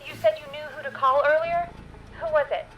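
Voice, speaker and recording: Woman acting a brisk, no-nonsense female radio producer. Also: sits high, fairly even intonation, dull audio, lightly acted. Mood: businesslike, urgent. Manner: brisk, scolding, businesslike. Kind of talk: dramatic video game acting.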